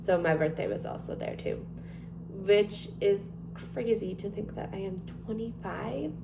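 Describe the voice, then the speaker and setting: A vlogger in her twenties rambles casually to camera, full of ums and likes, in a creaky, mid-range voice at an unhurried pace. The room is echoey with a noticeable hum.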